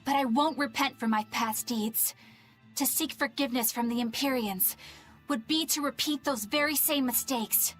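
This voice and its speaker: An earnest, principled young exorcist in a video game, with a high voice. She speaks resolutely over game music. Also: normal speed, a bit bright. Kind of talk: game voice acting.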